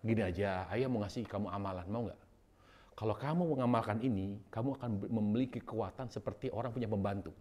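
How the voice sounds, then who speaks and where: A man's voice: lowish voice, quick pace, mellow, lightly acted. A man voicing a father who speaks firmly to his grown daughter in a sermon story. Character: stern, then gentle, father of a grown daughter.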